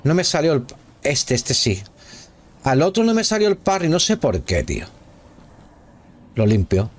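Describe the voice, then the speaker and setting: A man talks his way through a video game in casual live commentary, his voice sitting a touch higher than most men's. He chats with viewers and shouts at enemies on screen. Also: wildly swooping pitch, a little slow. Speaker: gameplay streamer.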